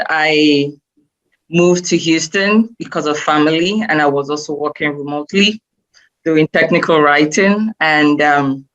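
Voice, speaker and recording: A woman's voice: sits low, fairly bright tone. A woman from Nigeria, an assistant principal, introducing herself in a friendly way in a video clip. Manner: friendly, laughs lightly while telling her path. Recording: dull clip audio.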